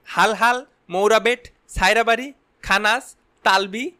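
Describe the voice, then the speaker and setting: A man performing a comic sketch, trading rapid, quarrelsome banter between characters. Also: sits high, bright, forceful tone, clean tone.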